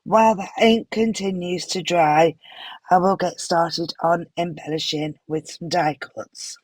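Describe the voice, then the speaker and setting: A woman with a hoarse, unwell voice, gently narrating a craft tutorial voiceover with some apologetic pauses. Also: lowish voice, steady tone, dry recording. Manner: gentle, apologetic, stops for fillers. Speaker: card-making tutorial host.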